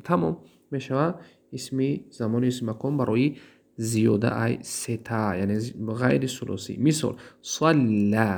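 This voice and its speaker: A man with a Tajik accent teaching a grammar lesson. He drawls out word forms, asks questions and answers them himself, and pauses on fillers. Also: mid-range voice, creaky, a little mellow. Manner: drawls out word forms, repeats them slowly, then translates. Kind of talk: classroom lesson.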